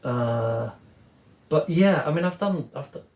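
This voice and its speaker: A middle-aged man from England talking casually as an interview guest, rambling and relaxed, often ending with "isn't it". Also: medium pitch, unhurried. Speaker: guest artist. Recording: echoey room with faint ambient noise.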